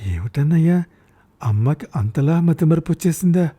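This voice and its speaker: A man's voice: fairly high pitch, lively intonation, normal speed, dark tone, breathy edge, voice pushed up. A man voicing a grown son who speaks to his forgetful mother in an earnest, pleading way. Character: grieving middle-aged son, pleading.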